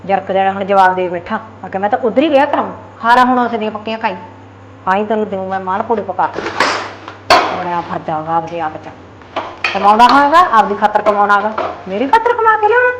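An actress playing a sharp-tongued sister-in-law who scolds with sarcasm. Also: female voice, medium pitch, fairly quick, lo-fi sound, slight background noise, lightly acted. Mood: scolding. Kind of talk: Punjabi short film acting.

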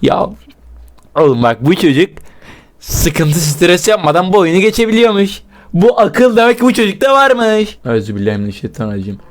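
A young man with a high voice plays a horror game and narrates every move to himself. He swears freely at the villain and lets out sudden yelps when scared. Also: moderate pace. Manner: profane, shouts in fright, swears at the game. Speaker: gaming YouTuber. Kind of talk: casual let's-play commentary.

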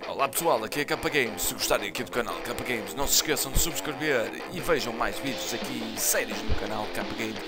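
A man's voice: medium pitch, a little fast, few pauses. A man with a European Portuguese accent delivering a channel outro as a gaming host. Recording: loud music over the voice.

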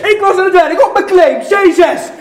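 A man playing an excitable, hapless gold prospector in an exaggerated comic children's western, whiny and exclaiming. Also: very high-pitched, normal speed, noisy background. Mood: outraged. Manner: whiny, over-the-top, exclaiming.

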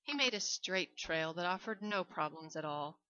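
A woman's voice: on the low side, lively intonation, normal speed, sharp tone, no echo, muffled recording. A woman voicing a suave, menacing aristocratic male general with mocking courtesy.

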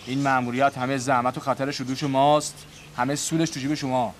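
An actor playing a sly, bold kidnapper who taunts his boss, often speaking in a hushed voice. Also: mid-range voice, flat delivery, slight background noise, lightly acted. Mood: taunting.

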